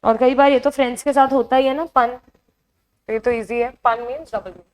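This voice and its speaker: Indian woman, exam-prep teacher, high voice, explains patiently and checks in with students. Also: steady tone, normal speed, a little mellow. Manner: explains in mixed Hindi and English, checks understanding with questions. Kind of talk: online classroom lesson.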